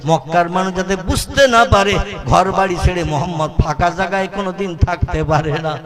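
A man from delivers a sung waz sermon as an Islamic preacher, impassioned and calling on the crowd to respond. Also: sits high. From West Bengal, India.

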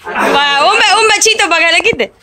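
Young salvadoran lady hosting, high lively teasing voice, people chattering behind her. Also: moderate pace, over a noisy crowd. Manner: playful, teasing. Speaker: host filming a challenge. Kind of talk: casual teasing chat. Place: open covered porch outdoors. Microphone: handheld camera.

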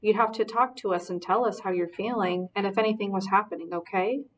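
Woman reading as a gentle, reassuring father. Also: mid-range voice, fairly even intonation, brisk, lightly acted. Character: gentle loving middle-aged father. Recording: voice distant from mic.

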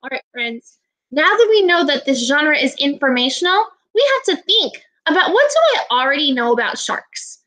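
Speaking in a sing-song way at a moderate pace, a woman in her twenties with a high, forceful voice leads an instructional read-aloud lesson for children. As an elementary teacher, she offers clear directions and encouragement from a small home room. Her webcam or laptop mic captures poor video-call audio.

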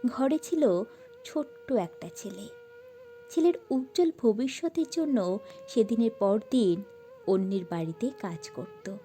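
A woman narrates a story slowly and solemnly, her voice mellow and set a little high for a woman. Soft music plays quietly underneath her reading. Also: lively intonation.

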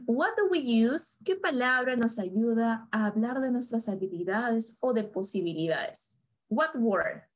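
Slow-speaking woman teaching English online. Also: a little high, animated, dull audio. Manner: mixes Spanish and English, repeats phrases slowly for learners.

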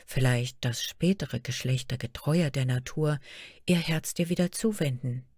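A woman doing a gentle, motherly queen. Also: extremely low pitch, unhurried, breathy edge, dry recording, clean studio sound, heavily acted. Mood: tender. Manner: gentle and blessing. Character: kind, motherly queen of fantasy.

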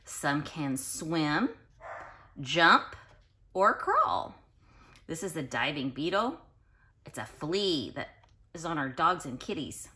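Her voice is deep, and she reads a picture book to young children slowly, pausing often. Like a teacher, she is expressive and precise, adding explanatory asides and asking questions.

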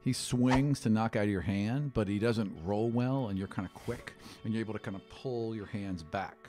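A man in his thirties narrates as a game master, easygoing and full of fillers, with a fairly low pitch, normal speed and a dark tone. He sits at a desk in a studio set, speaking into a studio mic on a stand, with faint music in the background.

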